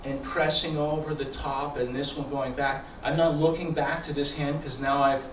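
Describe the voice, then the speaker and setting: A man's voice: fairly high pitch, little pitch movement, moderate pace. Echoey male tai chi teacher, informally explaining. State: throat congested, often clearing it. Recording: echoey room, distant mic, background noise.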